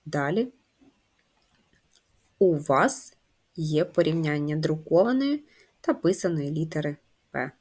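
Slow, patient woman teaching first graders. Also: deep voice, animated, darkish tone, breathy edge. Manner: slow, patient, instructive, spells out letters and sounds. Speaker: primary school teacher. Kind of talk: first-grade handwriting lesson.

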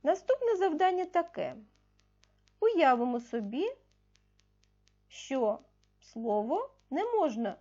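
Slow, lively-pitched woman teacher. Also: lo-fi sound. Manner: patient, asks questions and answers them herself; stresses key words slowly. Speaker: primary school teacher. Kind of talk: recorded video lesson for fourth graders.

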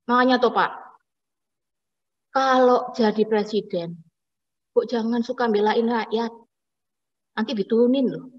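A woman's voice: mid-range voice, breathy edge, long reverb tail, muffled recording. A young woman doing a satirical stand-up monologue, complaining wryly and acting out the voices in her stories. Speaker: stand-up comedian.

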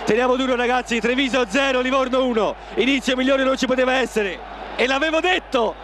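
A man co-commentating on football in breathless, excited Italian goal commentary, exclaiming in short bursts. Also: very high-pitched, fairly quick. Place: outdoor football stadium stand. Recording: noisy outdoor stadium TV broadcast.

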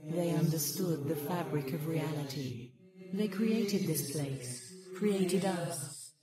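A performer voicing a solemn, cryptic ancient being in a horror game, speaking deliberately. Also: medium pitch, natural voice. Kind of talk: slow scripted horror game dialogue. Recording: voice under loud game music.

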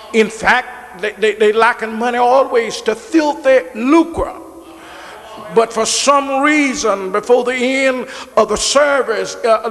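High-voiced preacher in a reverberant church. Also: male voice, vocal fry, a bit bright. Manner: call-and-response preaching with repeated words. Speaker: pastor. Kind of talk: sermon. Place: large church sanctuary, behind a pulpit.

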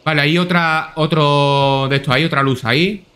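Young spanish guy gaming, cursing a lot, high bright voice. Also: moderate pace. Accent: Spain Spanish. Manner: excitable, swears a lot, talks to himself. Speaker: gameplay streamer. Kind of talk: casual gameplay commentary.

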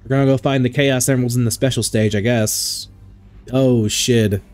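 A man's voice: mid-range voice, fairly even intonation, moderate pace, a little mellow, faint music behind. A man giving crude, joking commentary while playing a video game, swearing often. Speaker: gaming streamer. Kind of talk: let's play commentary.

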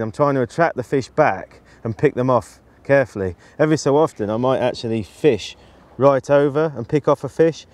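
A man in his forties talks through his tackle in a practical, explanatory way and often restarts his sentences. He is outdoors on a riverbank and recorded close on a lapel mic. His voice sits at an ordinary middle pitch. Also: darkish tone. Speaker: match angler demonstrating tactics. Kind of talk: instructional talk to camera.

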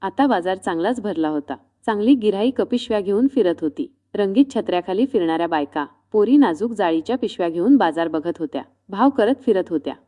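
A woman reading a first-person story in a calm, reflective scripted narration. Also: medium pitch, a little fast, hardly any pauses.

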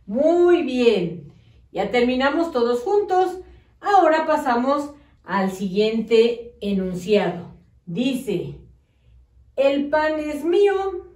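Lady teacher going reeeal slow, kinda high voice, far from the mic. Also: darkish tone. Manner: spells out words syllable by syllable, encouraging. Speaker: primary school teacher. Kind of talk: slow, patient classroom dictation. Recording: echoey room, voice off-mic.

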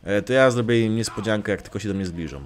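A man's voice: lowish voice, quick pace, soft background music. A young man casually commenting on his gameplay, joking, swearing lightly and talking back to the game characters. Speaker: let's play gamer.

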